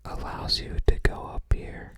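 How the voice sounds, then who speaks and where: A slow ASMR whisper, soft, breathy, and unvoiced, comes from a video host browsing a game guide book, captured in a dry recording. The unscripted commentary is unhurried and musing, with tentative recall.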